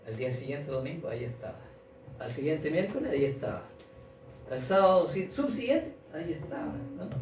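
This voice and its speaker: A man's voice: a little high, darkish tone, a little hiss or hum. Man preaching in an echoey room. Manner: repetitive, halting retelling with many restarts. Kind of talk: sermon storytelling. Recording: echoey room, distant mic, audible ambience.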